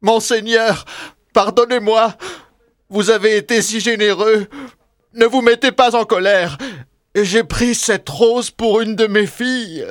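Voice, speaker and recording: A man's voice: sits high, steady tone, takes it slowly, dry recording, studio quality, voice pushed up. A man voicing a frightened, tearful old father who pleads in a storybook reading. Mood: pleading. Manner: pleading, trembling. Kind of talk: audiobook drama.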